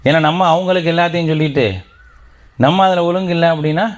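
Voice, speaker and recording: A man's voice: fairly high pitch, fairly even intonation, quick pace. A man from Tamil Nadu with a Tamil Nadu accent, giving an Islamic teaching talk to members at an outdoor garden gathering, often stopping to put questions to his audience. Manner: interactive, quizzes the audience with questions. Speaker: preacher.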